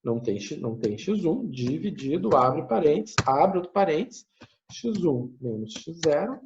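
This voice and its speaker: Male math lecturer, lively rising and falling delivery, thinks aloud, self-correcting, dull lo-fi sound. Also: fairly high pitch, gravelly, slight background noise. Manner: thinks aloud, tags phrases with "né?", corrects himself. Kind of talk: recorded classroom lecture. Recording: muffled lo-fi recording.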